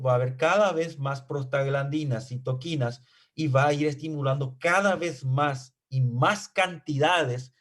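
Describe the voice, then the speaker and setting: A man teaching a physiology class at an ordinary mid pitch. He keeps posing questions and answering them himself, and checks understanding every few sentences. Now and then he slips into quick bits of patient and doctor dialogue. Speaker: medical physiology lecturer. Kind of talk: classroom lecture.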